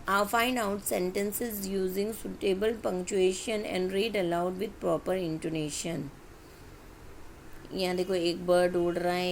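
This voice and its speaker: Lady teacher going thru a lesson real slow and patient, faint hiss behind. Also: medium pitch, a little mellow. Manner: patient, explains step by step, reads English examples slowly. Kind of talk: recorded classroom lesson.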